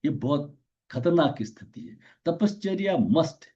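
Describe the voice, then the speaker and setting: A man's voice: fairly high pitch, muffled recording. A man teaching a yoga lesson, often checking in with his listeners and mixing in English terms. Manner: slow, lively teaching with frequent "है ना?" checks; mixes English terms into Hindi.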